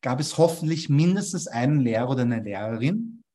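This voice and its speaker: Animated and brisk yet mellow, a young Viennese man with a mid-range voice explains copywriting ideas in an interview. He keeps checking in with a questioning "ja?" after his points.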